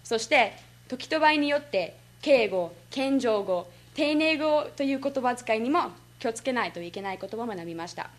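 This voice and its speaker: A woman's voice: a little high, animated, normal speed, hardly any pauses. A teenage American girl speaking Japanese with a Kansai accent, giving an earnest prepared speech with small laughs. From United States. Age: late teens. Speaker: student speech contestant.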